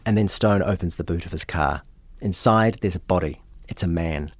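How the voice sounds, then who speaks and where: A man, hosting and narrating a true-crime story in a measured, matter-of-fact way. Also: low voice, dry recording. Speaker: podcast host.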